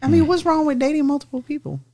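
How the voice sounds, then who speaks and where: A woman's voice: high-pitched, steady tone, fast, warm tone. A woman with a Southern US accent, sassy and challenging in a casual group debate.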